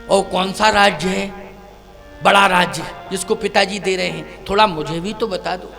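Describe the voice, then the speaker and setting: A male preacher voicing an older royal mother who questions and pleads with her son, in a high bright voice. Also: steady tone, moderate pace, gravelly, in a large hall, music in the background. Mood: questioning.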